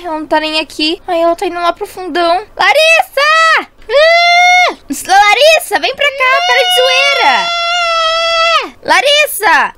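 A woman's voice: very high voice, heavy background noise. A Brazilian woman voicing a worried teenage girl in a game roleplay story, talking in dramatic, fretful exclamations. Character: worried teenage girl, anxious big sister.

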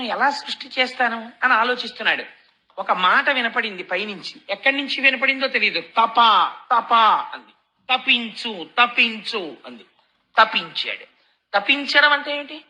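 A woman giving a devotional discourse on scripture. She tells the story in an animated way and keeps asking and answering her own questions. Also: sits high, rough recording.

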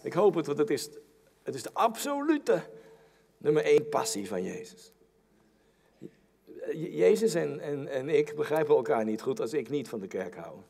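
A middle-aged male pastor preaches with a lively, swooping voice. His tone is gravelly and slightly hoarse from a cold, and he restarts phrases earnestly. The sound carries a long reverb from a church hall. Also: a little high, normal speed, long pauses. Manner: earnest, repetitive restarts, animated delivery. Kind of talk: sermon.

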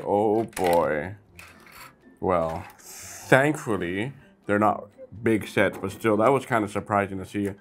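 A man with a medium-pitched voice hosts a casual toy review vlog. He's chatty and easygoing, breaking into sudden bursts of excitement.

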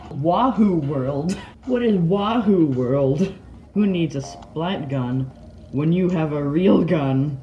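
A woman giving casual, playful, self-mocking commentary on her own gameplay, with bursts of excited yelps. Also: on the low side, muffled recording, slight background noise.

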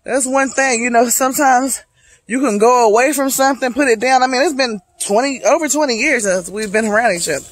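A woman's voice: fairly high pitch, fairly quick, no room sound. A woman in her late thirties from Charlotte, talking to viewers in a reflective, motivational way while hiking, filmed on a phone held at arm's length outdoors. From Charlotte, North Carolina. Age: 30s. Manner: chatty, reflective, motivational, talks to viewers as "y'all". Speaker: vlogger. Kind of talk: casual vlog monologue. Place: wooded hiking trail outdoors. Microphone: phone held at arm's length while walking.

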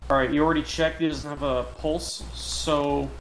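A man's voice: a little high, little pitch movement, normal speed. A man casually teaching a teammate in game voice chat, step by step, with the odd swear word. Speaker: player teaching a teammate the medic steps. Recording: echoey game voice chat with faint noise.

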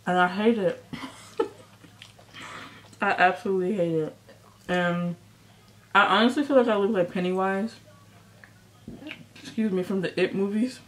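A woman's voice: medium pitch, fairly even intonation, a little slow, pauses often. A young woman chatting casually to viewers while chewing, mouth full of food, rambling in a friendly, talkative way. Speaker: vlogger. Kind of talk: casual mukbang chat. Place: indoors, filming herself eating.

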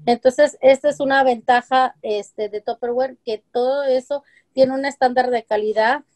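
This woman's voice is high-pitched and darkish, with fairly even intonation and a moderate pace. In her forties and selling through a home business, she's interviewed casually over a webcam video call from a room with colorful containers on the shelves, chatting away with examples and many fillers like "este" and "eh."

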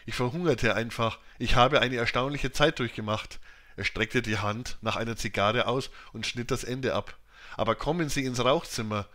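A man voicing a weary, famished Victorian gentleman inventor who speaks curtly and insistently in a fairly lively, raised voice. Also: mid-range voice, moderate pace, close to an everyday voice. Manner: curt, insistent.

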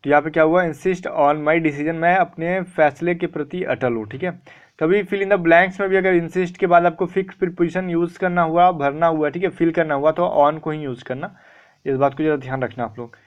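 A man's voice: on the high side, fairly even intonation, fairly quick, highs cut off. A young man teaching vocabulary in a casual mix of Hindi and English, asking questions and answering them himself. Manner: chatty, repeats "theek hai", asks and answers his own questions. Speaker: online exam-prep vocabulary teacher.

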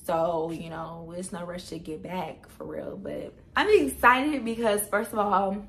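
A young woman from with a slightly raspy morning voice, chatting casually to her vlog viewers and laughing often. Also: on the low side, very animated, unhurried, fairly bright tone. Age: young adult. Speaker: vlogger.

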